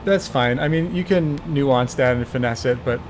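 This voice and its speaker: A relaxed man in his twenties talks a friend through a game route one step at a time, often breaking into laughter. His pitch sits in an ordinary middle range. A steady hum of air conditioning runs clearly under the voice. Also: moderate pace. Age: 20s. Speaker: streamer coaching a speedrun. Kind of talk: casual gameplay chat.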